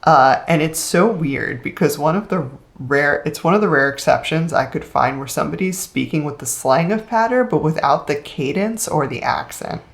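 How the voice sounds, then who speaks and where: A woman's voice: sits low, lively intonation, moderate pace, gravelly, hardly any pauses. A woman co-hosting a podcast, in a chatty, casual film discussion with frequent laughs. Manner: chatty, laughs often, uses fillers. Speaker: podcast co-host.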